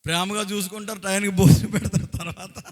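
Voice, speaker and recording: A man's voice: high-pitched, level tone, a little fast. A man from Andhra Pradesh preaching as a pastor, exhorting the congregation with rhetorical questions in a colloquial way. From Andhra Pradesh, India. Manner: exhorting, often breaking into short acted quotes and raising his voice. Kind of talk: sermon.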